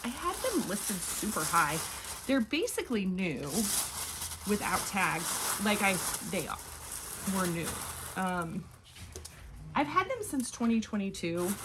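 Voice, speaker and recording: Chatty rambling woman, noisy recording. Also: mid-range voice. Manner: rambling and chatty, often trails off. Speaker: online clothing reseller. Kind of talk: casual vlog chat while packing orders.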